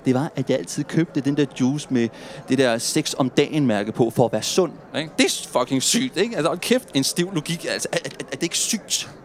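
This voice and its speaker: En stammende, rastløs mand i trediverne, der kæmper med fortiden efter sit drukkeri, spillet af en skuespiller. Han gentager ordene og taler i løse brudstykker, og hans stemme ligger i et helt almindeligt mellemleje. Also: male voice, medium pitch, expressive, hardly any pauses, lightly acted. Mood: haunted. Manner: stammering, repeating words, rambling. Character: haunted man in his thirties recovering from heavy drinking, restless. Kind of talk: film drama acting.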